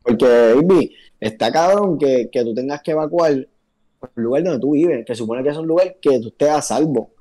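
A man's voice: mid-range voice, expressive, moderate pace, mellow. A man co-hosting a casual podcast, emphatic and slangy, with constant filler swearing. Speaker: podcast co-host.

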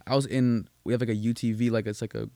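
A man's voice: mid-range voice, little pitch movement, fast talker, mellow, dry recording, studio quality. A young man hosting a casual podcast chat, telling stories in a rambling, profane way with lots of restarts and fillers. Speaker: podcast co-host.

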